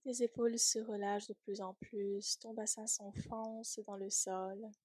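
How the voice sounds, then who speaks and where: A woman guides a yoga nidra relaxation with a soft, breathy, soothing voice that sometimes trails off toward a whisper. Her voice is mid-range and level, her pace measured, with no echo.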